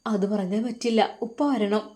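A woman voicing a grieving elderly father who is crying and speaks in soft, choked pleas. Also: mid-range voice, steady tone, normal speed, lightly acted. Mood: tearful.

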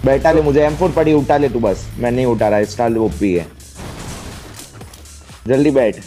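A man's voice: mid-range voice, moderate pace. A man steadily directing teammates in squad voice chat. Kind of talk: tactical game callouts. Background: loud game music and gunfire.

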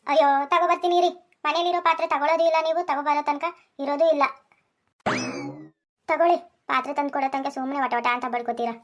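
Woman voicing a sharp-tongued village wife. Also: sits high, steady tone, fast, pauses often, dull audio, lightly acted. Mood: scolding. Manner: scolding, sharp retorts. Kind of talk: Kannada cartoon voice acting.

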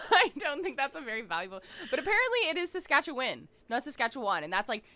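Lively, giggly young woman on a podcast. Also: sits high, quick pace, a crowd in the background. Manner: giggly, rambling, full of fillers. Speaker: podcast co-host. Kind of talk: casual podcast chat.

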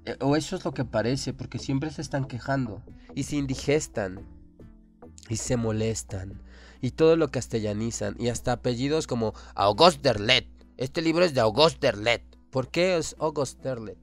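A Mexican-accented man hosts a talk show and rants with passion. His voice sits at an ordinary middle pitch, and he fires off one rhetorical question after another. Faint music plays softly behind him. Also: normal speed. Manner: impassioned, ranting, full of rhetorical questions. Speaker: radio show host. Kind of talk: opinionated monologue.

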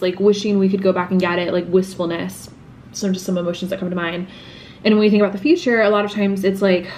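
A woman in her twenties chatting casually to camera in a bubbly, laughing vlog from her bright apartment. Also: mid-range voice, a little hiss or hum. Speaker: lifestyle vlogger. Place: bright apartment room at home. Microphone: camera mic at arm's length or on desk.

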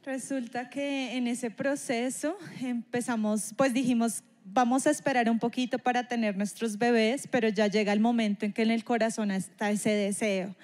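Earnest higher-pitched woman sharing a testimony. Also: fairly even intonation, a little mellow. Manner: earnest, reflective, unhurried. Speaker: church member sharing a testimony. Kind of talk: personal testimony in an interview.

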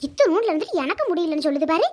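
A woman's voice: extremely high pitch, big pitch swings, rapid-fire, darkish tone, pitched below the performer's own voice. A woman doing a cranky old Kanyakumari grandma. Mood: scolding. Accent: Kanyakumari Tamil. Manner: scolding, quarrelsome, mocking. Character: cranky old grandmother, sharp-tongued and stubborn. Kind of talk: cartoon voice acting.

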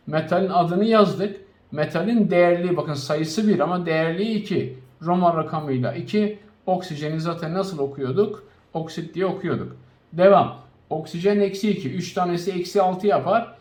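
Teacher drawing out compound names slowly. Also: male voice, sits high. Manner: slow, spelled-out naming of compounds with frequent recaps; addresses students directly. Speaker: chemistry teacher. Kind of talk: recorded classroom lesson.

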